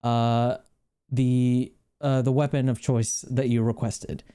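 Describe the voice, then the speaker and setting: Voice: medium pitch, little pitch movement, takes it slowly, dark tone, clear, resonant tone. A streamer in casual livestream chat, rambling, laughing often and swearing freely while talking to viewers. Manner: chats with viewers while reacting on screen.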